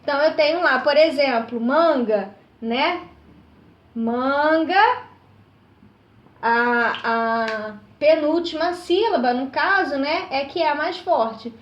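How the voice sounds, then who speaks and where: A woman's voice: high-pitched, unhurried, few pauses, dull audio. A woman teaching a recorded lesson. She explains step by step and keeps checking in with her students. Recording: echoey room.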